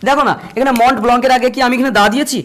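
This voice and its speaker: Fast-talking man teaching grammar. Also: extremely high pitch, fairly even intonation, a bit bright. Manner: repetitive, drills points, slows to spell out examples. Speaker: English teacher. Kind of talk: classroom grammar lesson.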